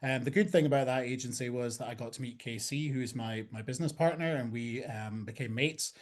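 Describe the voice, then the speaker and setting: A Scottish man in his forties talks about his career in a loose, easygoing conversational style. He fills his pauses with frequent ums. His voice sits at an ordinary middle pitch. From Scotland. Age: 40s. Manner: relaxed and chatty, many ums. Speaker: talent agent, guest. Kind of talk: casual conversation.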